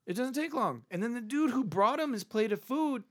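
A man's voice: very high-pitched, moderate pace. A man co-hosting a casual sports podcast, telling a bar story with lots of swearing and acted-out quotes. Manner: animated storyteller, swears freely, acts out quotes. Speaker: podcast co-host; bartender. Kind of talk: casual chat.

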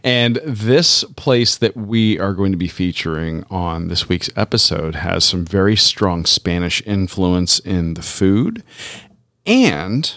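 Male podcast co-host, low and animated, dry close mic, wry jokes. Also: no echo. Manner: playful, dryly joking. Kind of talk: casual podcast chat.

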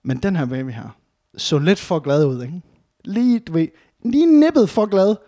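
A man's voice: sits high, lively intonation, warm tone, no echo, clean studio sound. A young man hosting a podcast, boisterous and crude in his joking, laughing often. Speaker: podcast host. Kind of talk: casual podcast banter.

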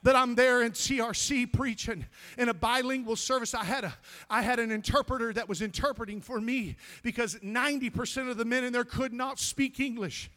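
Male pastor, very high, bright voice, fiery preaching that swells to shouts. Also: fairly even intonation, fairly quick. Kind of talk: sermon.

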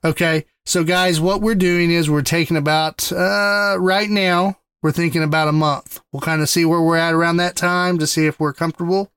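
A man's voice: on the high side, fairly even intonation, normal speed, few pauses, a bit bright, clear, resonant tone, no echo, studio quality. A man co-hosting a gaming podcast in casual chat, easygoing, repeating words and laughing often. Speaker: podcast co-host.

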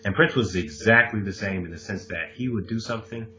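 A podcast co-host with a low-leaning voice talks a little fast, sounding pushed and bright. He chats casually and animatedly, laughing often and acting out quotes. Faint music sits behind him on a dull lo-fi recording.

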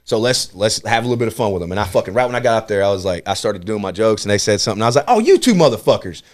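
A male comedian hosting a podcast, telling a profane story in a loose, animated, casual way. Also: lowish voice, racing.

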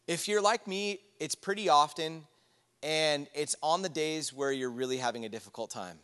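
Chatty pastor in an echoing church. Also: male voice, a little high, normal speed, clear, resonant tone. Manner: relaxed, chatty storytelling with fillers and asides. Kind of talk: casual conversational sermon. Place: church sanctuary. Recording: church hall with long reverb.

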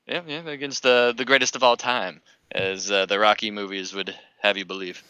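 Man, co-host, joking, low voice, very bright crisp tone. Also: steady tone, normal speed, slight background noise, low-quality recording. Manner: joking, laughs often. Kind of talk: casual chat.

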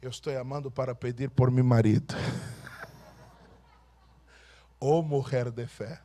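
A man preaching a sermon as a pastor, slowly and emphatically, swinging from hushed storytelling to shouted proclamation. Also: medium pitch, steady tone.

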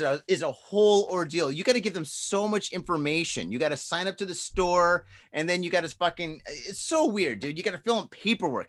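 Chatting casually on the podcast he co-hosts, a fortysomething man spins a long, wandering tale full of profanity and repeated "dude" and "man." He speaks in a high register with a touch of brightness.

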